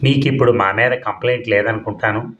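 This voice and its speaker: Man doing a den boss, middle-aged, placating, businesslike, low, lo-fi. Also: steady tone, brisk, a bit bright, natural voice. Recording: dull, echoey room.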